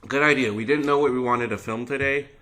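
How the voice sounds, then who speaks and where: Bright-voiced man chatting casually over food. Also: medium pitch, steady tone, fast. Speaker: mukbang video host. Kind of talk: casual chat over a meal.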